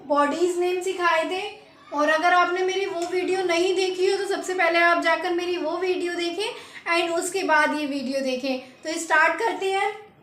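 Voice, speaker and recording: A woman from India teaching a language lesson, slowly repeating each word and quizzing the viewer. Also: extremely high pitch, fairly bright tone, echoey room. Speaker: French teacher.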